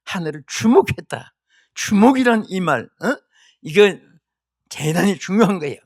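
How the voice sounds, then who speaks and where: An older man preaching a sermon as pastor, with emphatic delivery that swings from hushed to shouted. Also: high voice, big pitch swings, normal speed, dry recording, studio quality. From South Korea.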